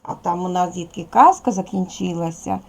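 Woman teacher talking to little kids in a video lesson, gravelly edge, patient and clear. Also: on the low side, normal speed. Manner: patient, clear instructions to children. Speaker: primary school teacher. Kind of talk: recorded video lesson for children.

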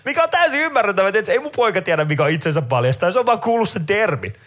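Finnish man doing animated stand-up. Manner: animated storytelling, jumps into high voices for characters. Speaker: stand-up comedian. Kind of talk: stand-up comedy set.

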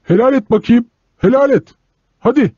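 A man reading aloud, voicing a tall gray-mustached man in a cap who shortchanges a boy, calling out loudly and coaxingly. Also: fairly high pitch, very animated, fast, breathy edge, dry recording, voice pushed up, exaggerated voice. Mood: shouting. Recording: dull lo-fi recording.

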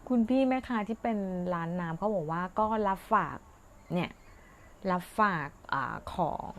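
A woman's voice: on the low side, expressive, normal speed. Chatty woman host telling stories. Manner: chatty, rambling, polite particles, laughs often. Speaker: livestream host. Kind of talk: casual chatty storytelling.

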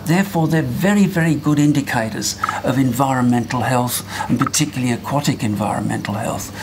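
An older man speaking as a scientist in a documentary interview, explaining with deliberate emphasis. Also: medium pitch. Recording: noisy ambient background.

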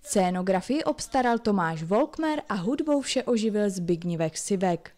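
Woman, medium pitch, scripted news voice-over, regional TV reporter. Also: lively intonation, a little mellow.

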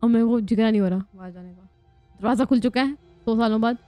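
A woman's voice: fairly high pitch, fast talker, warm tone, no room sound, faint music behind. A young woman giving casual, joking gameplay commentary, chatty and prone to squealing laughs when scared. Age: young adult. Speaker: gaming vlogger.

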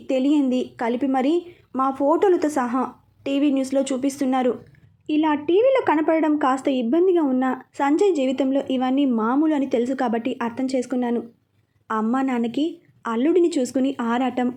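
A woman telling a love story in the first person, in a gentle, even storytelling manner. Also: sits high.

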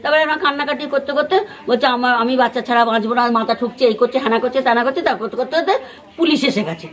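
This woman from West Bengal, India, has a fairly bright, high voice and talks fast. Speaking to a news crew as a neighbour and eyewitness, she rambles in her West Bengali accent, piling on fillers and restarts and performing others' lines as quotes.

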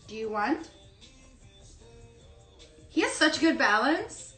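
A woman's voice: high voice, very animated, takes it slowly, fairly bright tone, echoey room, soft background music. Chatty giggly woman on a livestream. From South America. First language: Spanish. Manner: chatty, giggly, talks while eating. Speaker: Instagram live host. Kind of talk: casual livestream chat. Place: home room with pet dog. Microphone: phone or laptop livestream.

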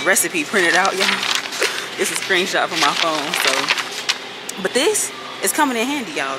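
A woman's voice: lowish voice, very noisy. A young woman chatting casually to her viewers while cooking in a home kitchen, calling them y'all again and again. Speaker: vlogger.

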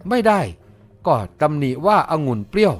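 A man's voice: on the high side, lively intonation, normal speed, soft background music, lightly acted. A man voicing a sly, teasing young noblewoman in an audiobook, talking in a sweet, mocking tone. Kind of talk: audiobook character voice.

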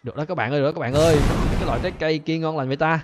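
A man hosting a gaming channel, giving excited gameplay commentary and talking straight to his viewers. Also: a little high, very fast, noisy background. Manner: animated, keeps addressing viewers as "các bạn ơi".

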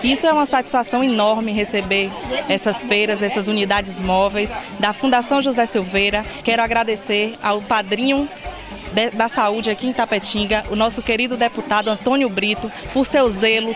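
A woman's voice: fairly high pitch, fairly quick, over music, a crowd in the background. A woman in her thirties giving a composed, formal statement into a handheld mic outdoors. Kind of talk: on-camera statement. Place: outdoors at a crowded health fair. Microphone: handheld reporter mic.

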